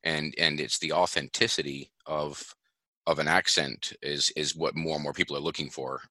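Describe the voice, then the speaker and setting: Deep, bright-voiced man, emphatic. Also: level tone, moderate pace, dry recording. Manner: emphatic, earnest, many restarts. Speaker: voice agency founder. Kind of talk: podcast interview.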